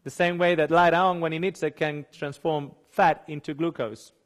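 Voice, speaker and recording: Guy with a spanish-speaking accent, kinda high voice, lecturing on nutrition, throws questions at the crowd, keeps tripping over words. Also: normal speed. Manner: animated, questions the audience, acts out quoted people; slips and restarts words. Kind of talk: seminar lecture.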